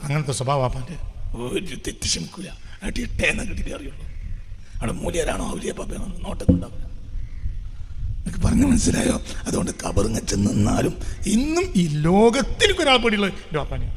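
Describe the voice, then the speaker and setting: Man, Islamic preacher, sermon, high sharp voice, rhetorical questions, hushed then loud, long hall echo. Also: huge pitch swings, fast talker, background noise. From Kerala, India.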